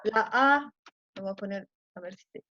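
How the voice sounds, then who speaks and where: A woman's voice: mid-range voice, moderate pace. A woman with a Mexican accent teaching a French class in Spanish, often checking that students follow. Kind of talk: online class lecture. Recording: muffled lo-fi audio.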